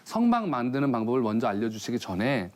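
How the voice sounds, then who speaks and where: A man's voice: mid-range voice, big pitch swings, fast. A man, a pastor on a TV program, preaching in a chatty storytelling way and asking listeners questions. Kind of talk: TV sermon with a joke story. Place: TV studio.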